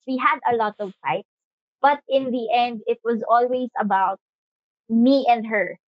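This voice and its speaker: A woman in her twenties with a Filipino accent, co-hosting a conversational podcast with emphatic, deliberate phrasing. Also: fairly high pitch, dry recording. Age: 20s. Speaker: podcast co-host. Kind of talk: conversational podcast talk, mixing English and Tagalog. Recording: slightly dull, dry lo-fi audio.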